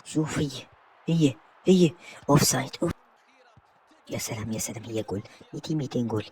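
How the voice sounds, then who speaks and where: A man with an Omani Gulf Arabic accent giving live gameplay commentary as a gaming YouTuber, excitable, repeating words and bursting into shouted goal calls. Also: medium pitch, fast talker, a little hiss or hum. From Oman.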